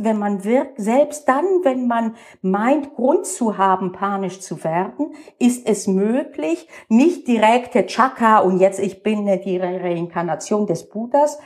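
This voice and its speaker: A woman's voice: a little high, darkish tone. A woman coaching students on exam stress in a reflective way, telling stories from her own life. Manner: reflective, personal anecdotes. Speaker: study coach. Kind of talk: advice talk to students.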